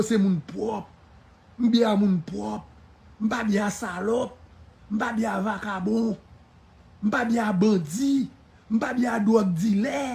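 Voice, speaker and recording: A man's voice: high-pitched, vocal fry, dark tone. A man with a Haitian accent giving a defiant, emphatic live-stream monologue, laughing often and slipping into French phrases.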